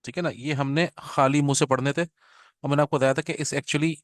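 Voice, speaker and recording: A man teaches Quran pronunciation in a smooth, resonant voice that sits a little high for a man. He keeps checking in with his students and mixes English phrases into his explanation, drawing out each letter sound slowly to show it. The recording is close and dry, with no room echo. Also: steady tone. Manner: patient, repeats "theek hai na" often. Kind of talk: online class explanation.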